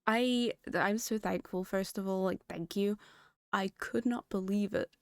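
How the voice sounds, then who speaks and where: Chatty, giggly woman with a hoarse voice. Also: measured pace, no echo, clean studio sound. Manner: chatty and giggly, with sudden high excited jumps. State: hoarse, has lost her voice. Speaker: gaming video host. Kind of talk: casual gameplay commentary.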